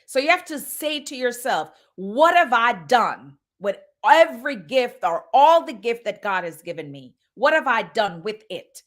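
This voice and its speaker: A woman's voice: a little high, big pitch swings, a little slow, hardly any pauses. A woman in her fifties giving an urgent motivational sermon as a minister, repeating phrases for emphasis. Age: 50s.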